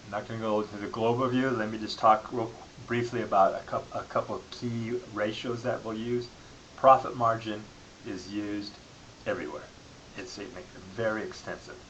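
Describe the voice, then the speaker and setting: Male lecturer, lowish voice, explanatory delivery with repeated phrases, hissy recording. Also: fairly even intonation, moderate pace, a bit bright, lo-fi sound. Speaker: accounting lecturer. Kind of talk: classroom-style lecture. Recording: clearly audible background hiss.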